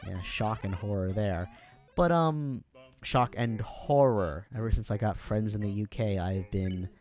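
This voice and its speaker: A man's voice: on the low side, unhurried, a little mellow, faint music behind. An American man chatting on his own during a livestream, rambling and self-deprecating with plenty of fillers. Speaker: streamer.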